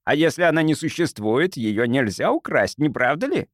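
A man voicing a genial, crafty doctor who bargains in a soft, sugary, unhurried voice for an audiobook. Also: fairly high pitch, big pitch swings, no echo, studio quality, voice pushed up. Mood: sly, coaxing.

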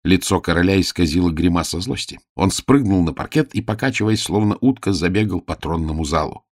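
A man narrating a fairy-tale audiobook in a lively, expressive storytelling manner. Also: low-pitched, brisk, no echo, clean studio sound.

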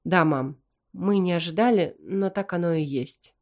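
A woman reading an audiobook and voicing a weary young alien nobleman who answers his mother calmly and with tired patience. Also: on the low side, unhurried, muffled recording. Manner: tired, calm, reasoning. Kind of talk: audiobook character voice.

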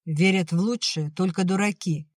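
A reader voicing a curt, sharp-tongued young woman in an audiobook. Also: mid-range voice, normal speed, dry recording, clean studio sound, lightly acted. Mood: stern. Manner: curt and cutting.

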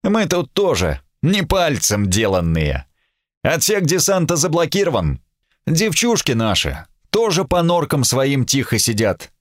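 A man voicing a slightly hoarse ship's watch officer who drawls in a relaxed, snide way. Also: fairly high pitch, unhurried, no echo, studio quality, voice pushed up. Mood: lazy, mocking.

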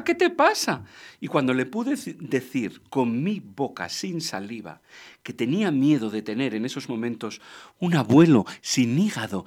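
A man from reads a children's story aloud. His voice is a little husky, and his pitch rises and falls a great deal. He plays with the words, getting loud and then hushed. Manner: playful, lively, swings between loud and hushed. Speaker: storyteller and podcast host. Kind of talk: expressive reading of a children's story.

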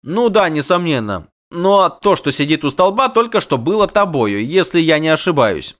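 A man reading the part of a hot-tempered male halfling merchant who shouts and curses indignantly. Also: fairly high pitch, very animated, moderate pace, voice pushed up.

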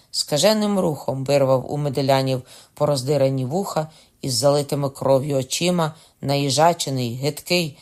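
A man reads a classic novel aloud as an audiobook narrator. His delivery is steady and measured, in a voice of ordinary pitch for a man.

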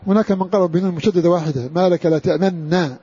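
A Quran scholar delivers a classroom lecture on Quran orthography, repeating key phrases and chanting brief recitation samples. His voice is husky, dark-toned, and slightly raised in pitch, and he speaks at a racing pace. The recording sounds dull and lo-fi.

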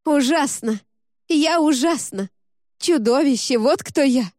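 A woman voicing a scarred, desperate young woman in an audiobook, her lines pitched high and pleading. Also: animated, measured pace, dark tone, dry recording, studio quality. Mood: frantic. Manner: high, pleading, breaking into frantic cries. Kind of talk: audiobook character reading.

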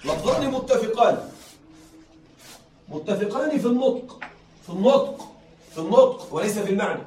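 A man's voice: sits high, expressive, normal speed, darkish tone. A man teaching a classroom lesson, stretching key words for emphasis and often checking that his students are following. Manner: repetitive, keeps checking that listeners follow. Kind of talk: classroom lecture. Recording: roomy, distant mic, faint noise.

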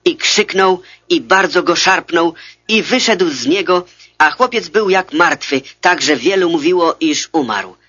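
A man reading the Bible aloud in a steady, even scripted narration, on a dull lo-fi recording. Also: high voice, measured pace, slightly rough. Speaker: scripture reader.

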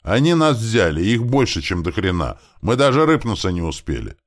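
A man voicing a captured young man who yells desperately across the battlefield. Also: low voice, sing-song, moderate pace, voice pushed up. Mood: yelling. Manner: yelling loudly and desperately. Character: Grach, a captured young man yelling from afar.

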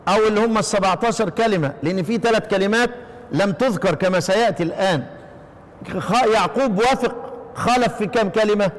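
Egyptian male recitation teacher, high pitched, chants verses and quizzes students, reverberant hall. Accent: Egyptian Arabic. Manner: quizzing listeners with repeated questions, chanting verse slowly. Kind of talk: explaining a recitation poem to students.

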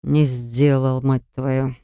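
A woman doing a stern low-voiced young man. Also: little pitch movement, slow pace, warm tone, smooth, dry recording, clean studio sound, full character voice. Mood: angry. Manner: curt, demanding.

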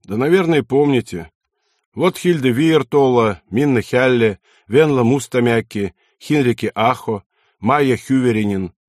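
A man's voice: medium pitch, a little slow, a little mellow, no echo, studio quality, lightly acted. A man voicing a respectful, obliging middle-aged male estate manager.

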